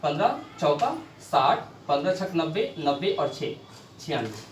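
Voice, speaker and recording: A man's voice: on the high side, very animated, normal speed. Echoey male maths teacher quizzing the class. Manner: asks questions and answers them himself. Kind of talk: blackboard maths lesson. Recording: echoey room, mic far off, faint noise.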